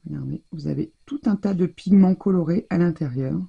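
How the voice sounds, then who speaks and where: A woman with a husky, gravelly voice talks her viewers through a hands-on craft demonstration. Her tone is very dark and mellow, and she chats loosely, restarting and trailing off as she works. The feel is relaxed and conversational. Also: lowish voice, a little fast, lo-fi sound. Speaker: craft tutorial host.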